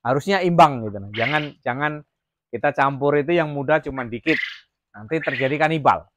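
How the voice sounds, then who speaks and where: A man's voice: medium pitch, fairly quick. Man from Jambi, quail farm vlogger, casual rambling talk, plenty of fillers, faint noise behind. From Jambi, Indonesia. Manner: rambling, many fillers and restarts. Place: quail farm, near the cages.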